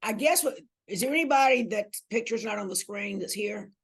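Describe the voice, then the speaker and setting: A woman chairs a committee meeting on a video call. Her voice is husky and a touch breathy, and she talks in a relaxed way, with easy laughs and plenty of fillers. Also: medium pitch, a little fast. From North Carolina. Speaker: committee co-chair, elected official.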